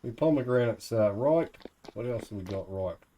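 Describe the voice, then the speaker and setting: A man's voice: on the low side, expressive, normal speed, warm tone, a little hiss or hum. A man with a New Zealand accent giving casual, laid-back gameplay commentary, thinking aloud in colloquial speech. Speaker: gamer narrating own let's play.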